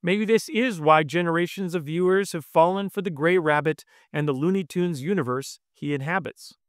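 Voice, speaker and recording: A man co-hosting a podcast, reading a scripted introduction in a smooth, even manner. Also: fairly high pitch, moderate pace, dry recording, clean studio sound. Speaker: podcast co-host.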